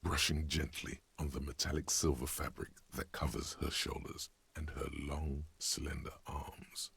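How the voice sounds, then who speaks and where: A man voicing a brooding game narrator, reading scripted narration in a husky voice. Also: extremely low pitch, flat delivery, measured pace, fairly bright tone, full character voice. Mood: hushed.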